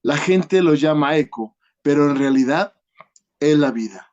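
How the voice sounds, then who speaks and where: A calm, patient father gently teaching his young son, as a preacher voices him in a sermon story. His speech stays unhurried and kind, pitched a little high. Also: highs cut off.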